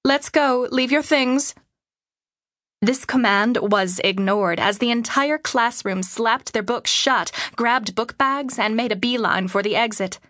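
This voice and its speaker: A woman reading a first-person young adult novel in measured storytelling narration on a studio mic. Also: fairly high pitch, a bit bright, dry recording. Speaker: audiobook narrator.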